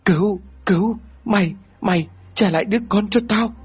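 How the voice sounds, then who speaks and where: A man voicing a grieving young mother who seems possessed, crying out in shrill pleas. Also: animated, normal speed, slightly rough, soft background music. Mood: frantic. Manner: shrill pleading cries.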